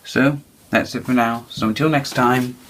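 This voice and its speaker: A man presenting a card trick to camera in halting, deliberate magician's patter, with a low, creaky voice. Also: fairly even intonation, a bit bright. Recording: faint background noise.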